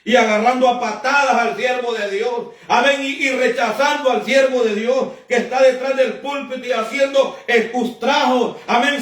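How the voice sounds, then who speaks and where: Fervent high-voiced preacher, echoey room. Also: male voice, fairly bright tone, far from the mic. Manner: emphatic, fervent preaching with frequent "amén" and "hermano". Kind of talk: sermon.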